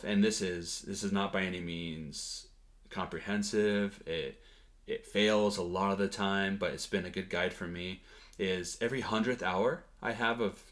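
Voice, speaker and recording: Speaking in a deep, low register, a man gives an easygoing vlog update on his language studies. His delivery is hesitant, full of "um" and "like," with sentences restarted as he reasons out loud.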